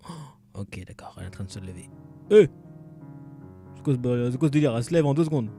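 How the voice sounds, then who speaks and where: A man's voice: mid-range voice, expressive, fast talker, dark tone. A man giving casual let's-play commentary at home at night, rambling and joking about himself, with many fillers and restarts. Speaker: gamer playing through a game. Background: faint background music.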